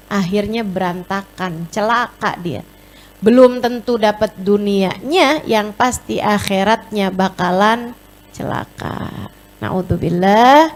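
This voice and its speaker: A woman preaching a sermon with passion, gently pleading with her listeners and rising to tearful, shouted prayer. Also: medium pitch. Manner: addresses listeners as children and sisters.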